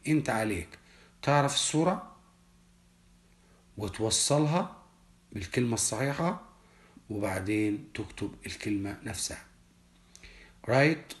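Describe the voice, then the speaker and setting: A man, teaching a children's English lesson and explaining each word slowly and carefully. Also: lowish voice. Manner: slow, deliberate, repeats each word for children. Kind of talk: primary school English lesson, explained in Arabic.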